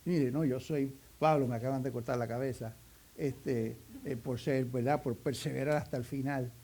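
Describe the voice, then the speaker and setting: A weary male apostle, freshly arrived in heaven, speaks in halting, hesitant phrases with a Cuban accent, as a preacher acts him out. His voice sits lower than the preacher's usual speech. It's a humorous sermon skit. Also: fairly even intonation, mellow, natural voice. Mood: earnest.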